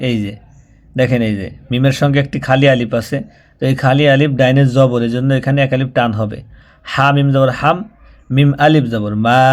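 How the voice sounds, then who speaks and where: In this Quran reading lesson, a man with a mid-range voice patiently sounds out each syllable, chanting and repeating it. When demonstrating, he slows right down and stretches the sounds out.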